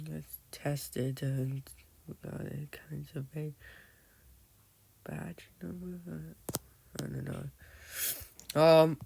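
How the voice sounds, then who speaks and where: A gamer narrates his own play in casual, rambling commentary, often losing his thread and calling out to viewers as "guys." His voice is a little high and gravelly.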